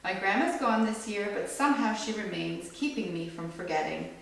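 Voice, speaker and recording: A woman reads a children's story expressively at a moderate pace, with some vocal creak, and a low-to-average pitch isn't called for. The mic is far off across a very echoey room, and faint noise sits in the background.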